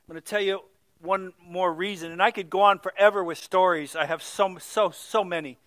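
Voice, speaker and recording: Male pastor, middle-aged, high bright voice, dramatic storytelling sermon. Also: fairly even intonation, moderate pace, no room sound. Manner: storytelling, swings from loud exclamations to hushed near-whispers.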